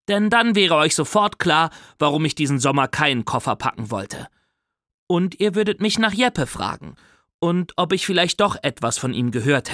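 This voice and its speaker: A man reading a children's story aloud as a young boy's first-person narration, animated and playful. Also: fairly high pitch, dry recording, studio quality. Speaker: audiobook reader.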